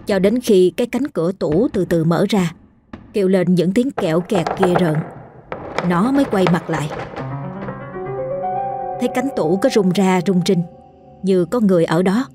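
A woman narrating a scripted ghost story in a steady, measured storytelling manner. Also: lowish voice, over music.

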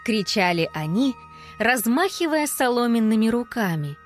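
A woman reads a children's story aloud with a lively, expressive delivery. Her voice sits at a middle pitch but moves freely up and down with the action. Faint music plays underneath. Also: moderate pace. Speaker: audiobook narrator.

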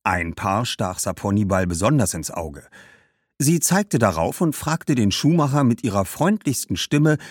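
A man narrating a children's story with an expressive reading. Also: on the low side, measured pace, slightly rough, no room sound, clean studio sound.

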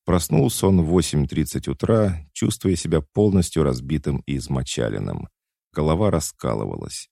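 A man narrating a thriller audiobook in a measured, dramatic reading. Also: extremely low pitch, expressive, vocal fry, dark tone, no room sound, studio quality. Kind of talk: scripted narration.

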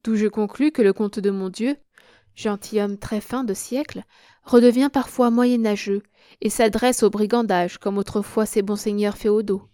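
A woman's voice: mid-range voice, steady tone, moderate pace, mellow, no echo, clean studio sound, natural voice. A woman voicing a bold young Parisian heroine who speaks in a mocking, defiant tone.

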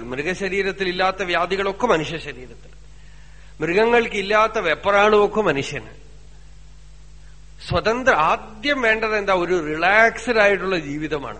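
A man with a Malayali accent gives a religious discourse, asking rhetorical questions, telling stories and slowly chanting Sanskrit verses. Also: high voice, pushed and bright, long reverb tail. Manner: conversational storytelling with rhetorical questions. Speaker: spiritual teacher.

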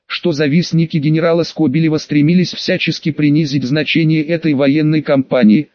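A man narrating an audiobook with even, measured storytelling. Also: a little high, no echo. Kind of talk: scripted narration. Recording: dull lo-fi dry recording.

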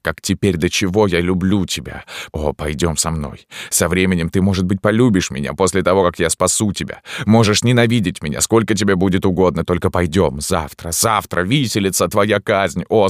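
A man reading aloud acts out a desperate priest torn by obsessive love, his pleas rising and pressing hard. Under the strain the voice keeps a low, deep base. The recording is dry and close. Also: no echo, close to an everyday voice. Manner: pleading, passionate, with outbursts. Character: tormented middle-aged priest, desperate and obsessive. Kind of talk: dramatic audiobook reading.

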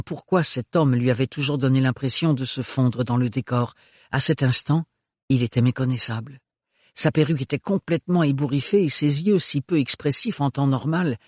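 A man narrating a novel in a steady, measured way. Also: mid-range voice, no echo, clean studio sound. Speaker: audiobook narrator. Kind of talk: scripted narration.

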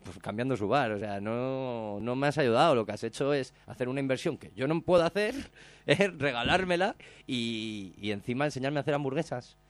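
Animated man on a dry studio mic. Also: mid-range voice, a little fast, no echo. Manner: animated storyteller, swears freely, acts out quotes loudly. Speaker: radio show host. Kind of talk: casual radio chat, retelling a TV show. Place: radio studio.

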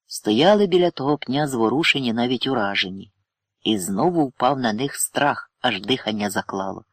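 A man narrating an audiobook in measured storytelling. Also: mid-range voice, expressive, no room sound, clean studio sound. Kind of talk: audiobook reading.

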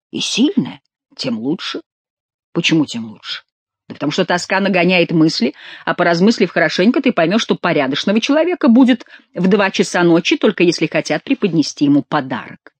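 Sly teasing gascon jester guy read by a woman, bouncy lively voice, very dry close sound. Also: lowish voice, fairly quick, breathy edge, dry recording. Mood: mocking. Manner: teasing, mock-familiar.

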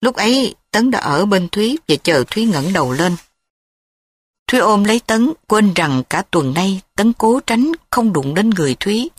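A woman narrating an audiobook drama in an even, steady storytelling manner. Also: mid-range voice, moderate pace, husky, no echo.

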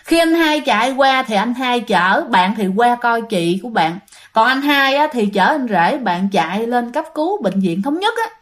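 This ghost story comes from a woman with a Southern Vietnamese accent, told casually and aimed right at her listeners. The voice is a little high and sing-song, at a moderate pace.

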